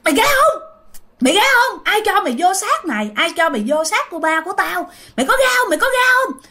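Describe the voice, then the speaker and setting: A woman voicing an older village woman loudly scolding a spirit with repeated questions. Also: very high-pitched, big pitch swings, fairly quick, pitched above the performer's own voice, heavily acted. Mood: shouting scolding. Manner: shouting, repeating angry questions.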